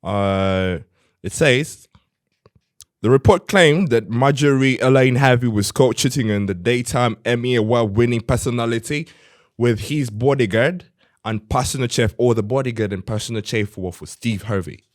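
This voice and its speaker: Animated male podcast co-host, dry sound. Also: mid-range voice, normal speed, no echo. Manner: animated, reads comments aloud. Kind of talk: casual chat.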